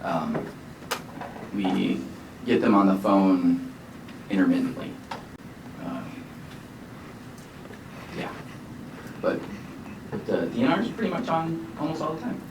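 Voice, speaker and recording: A man representing an agency at a meeting, answering questions haltingly with many fillers. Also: fairly low pitch, expressive. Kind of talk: meeting discussion. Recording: echoey room from far off, loud noise.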